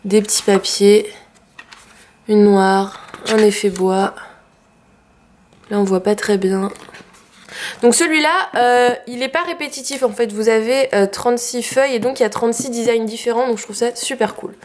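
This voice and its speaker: A woman's voice: fairly high pitch, fairly even intonation, normal speed, a little mellow. Chatty French woman vlogger. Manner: chatty, many fillers, upbeat. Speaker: craft vlogger. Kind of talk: casual haul video.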